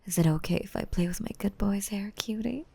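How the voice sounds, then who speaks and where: Tender and playful, a woman whispers much of this ASMR roleplay as a young, motherly mermaid of five hundred years, gentle but softly dominant, using pet names to soothe. Her voice is soft, breathy, and medium-pitched, moving fairly quickly in a dry recording.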